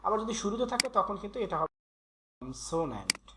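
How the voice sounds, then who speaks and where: A man's voice: high voice, wildly swooping pitch, fast, background noise. A man teaching English letter sounds in a patient, repetitive way, drilling each letter aloud. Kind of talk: Bengali-language grammar tutorial.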